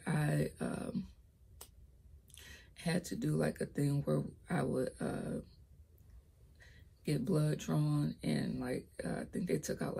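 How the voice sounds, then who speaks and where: Recording on her laptop's built-in mic, a young woman casually vlogs her life story. Her voice is low and raspy, her delivery hesitant and stumbling, with occasional soft whispered asides, and it cracks as she raises it.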